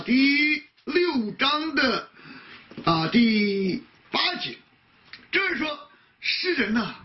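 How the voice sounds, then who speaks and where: High, lively man preaching a sermon. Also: dull audio. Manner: filler "啊" before many phrases, rhetorical questions.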